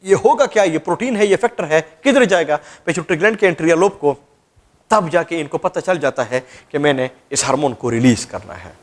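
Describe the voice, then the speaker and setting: A man's voice: a little high, animated, brisk. A man teaching a class, asking questions and answering them himself. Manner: repetitive, quizzing students then answering himself. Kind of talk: classroom lecture.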